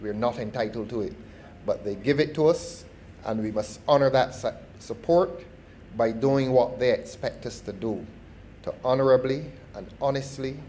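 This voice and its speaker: A middle-aged man with a Barbadian accent gives a formal parliamentary speech, measured and deliberate, often restarting his phrases. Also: medium pitch, darkish tone, slight background noise. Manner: measured and formal, with repeated false starts. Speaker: member of parliament.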